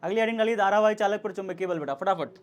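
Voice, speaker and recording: A young man lecturing a physics class. His voice sits high for a man. He repeats each step and coaxes the students along. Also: racing. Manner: repetitive, coaxing, urging students to hurry. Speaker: physics teacher.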